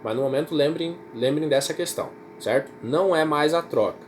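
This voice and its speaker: A Brazilian man with a Brazilian Portuguese accent teaches a history class in a casual, repetitive way, often checking in with students through "certo?" and "tá?". His voice is a little high and fairly quick, and the informal recorded lecture carries a little hiss or hum.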